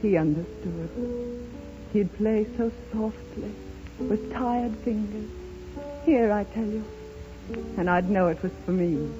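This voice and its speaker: An actress plays a bedridden blind woman, serene yet rapturous and insistent, delivering lyrical, impassioned lines in a 1930s radio drama. Her natural mid-range voice moves slowly with long pauses, though the muffled broadcast carries loud music.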